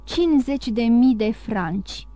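Storybook role: a woman doing a sharp-tongued, suspicious wife, muffled and scornful, fairly high voice, dry. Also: animated, dry recording, close to an everyday voice.

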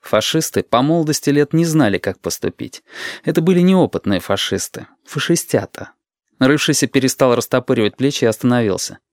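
A man narrating an audiobook in an even, measured storytelling voice. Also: mid-range voice, no echo, clean studio sound.

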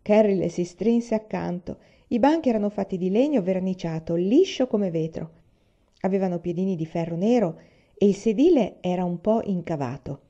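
A woman reading a children's novel aloud in a calm, measured storytelling manner, lifting her voice higher for the characters' lines. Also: dull audio. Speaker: reader.

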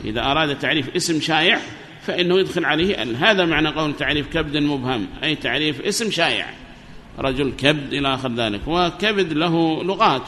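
A man's voice: fairly high pitch, bright, forceful tone. Man teaching grammar in an echoing hall. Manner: asks students questions and repeats answers. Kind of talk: classroom lesson explaining a grammar poem. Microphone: amplifier microphone. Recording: reverberant hall, faint background noise.

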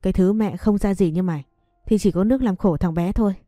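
A woman's voice: medium pitch, quick pace, warm tone, dry recording, clean studio sound, lightly acted. A woman doing a harsh, scornful old mother-in-law. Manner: scolding, contemptuous.

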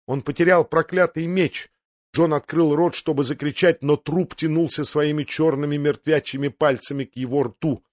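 A man reading a fantasy audiobook aloud in a steady, dramatic narration. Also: a little high, dry recording, studio quality. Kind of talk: scripted narration.

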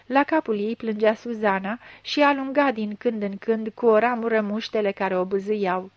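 A woman narrating a story in a measured, even reading. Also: mid-range voice, no room sound, muffled recording. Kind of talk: audiobook reading.

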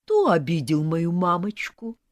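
A woman's voice: lowish voice, sing-song, measured pace, no room sound, clean studio sound. A woman voicing a spoiled young male snake groom who whines helplessly about his mother. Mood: whiny. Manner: wailing, helpless.

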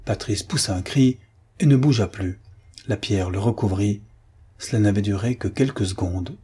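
A man narrating a classic novel as an audiobook in a steady, measured way. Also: fairly low pitch, slightly rough. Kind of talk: scripted narration.

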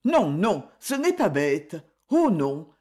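A woman voicing a refined, erudite male collector who speaks politely and with gentle self-deprecation, in an audiobook reading. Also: fairly low pitch, big pitch swings, slow, exaggerated voice. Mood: pensive.

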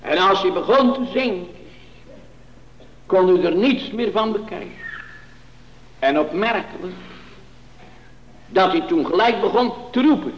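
A fairly high-voiced man preaches a sermon in a solemn, measured cadence that swells into loud, emphatic passages. His voice rings with the long reverb of a church hall, and the old recording sounds dull and lo-fi. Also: lively intonation. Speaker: pastor.

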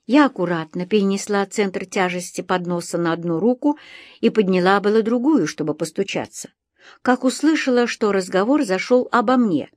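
A woman reading an audiobook in the first person, measured and softly tense. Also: mid-range voice, no echo, studio quality. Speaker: audiobook narrator. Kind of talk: scripted first-person narration.

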